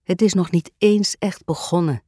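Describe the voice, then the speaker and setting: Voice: medium pitch, moderate pace, no echo, clean studio sound, voice pushed up, lightly acted. A storyteller voicing a wry man whispering asides to a companion. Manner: hushed, wry.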